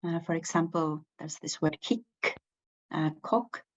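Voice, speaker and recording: A woman's voice: sits low, unhurried, muffled recording. A woman with an Estonian accent, a native Estonian speaker, giving an unscripted language lecture, hesitant, with many fillers and restarts. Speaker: language teacher.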